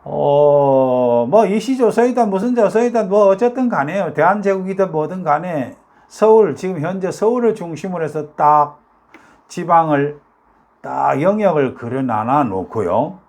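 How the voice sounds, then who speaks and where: A man's voice: a little high, animated, a little slow, a little mellow. Older Gyeongsang man rambling to viewers. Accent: Gyeongsang Korean. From South Korea, North Gyeongsang. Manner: rambling, many fillers, rising rhetorical questions. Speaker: YouTube talk host. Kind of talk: casual monologue to viewers.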